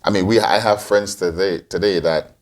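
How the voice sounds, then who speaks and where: Man, forties, very low voice, from Guyana, podcast co-host, casual rambling talk. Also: fairly even intonation, normal speed. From Guyana, raised in Antigua. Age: 40s. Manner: rambling, many restarts and fillers. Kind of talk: casual interview answers.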